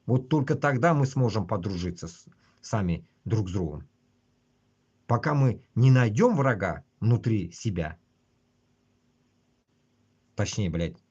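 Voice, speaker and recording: A man with a husky voice, ranting casually and bluntly on a livestream with constant swearing. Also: fairly low pitch, darkish tone, lo-fi sound. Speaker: livestream host. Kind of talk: casual rambling livestream rant.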